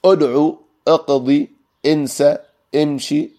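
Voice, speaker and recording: A man's voice: fairly high pitch, fairly even intonation, takes it slowly, warm tone. A man teaching a grammar lesson, explaining rules patiently and repeating examples with hesitant fillers.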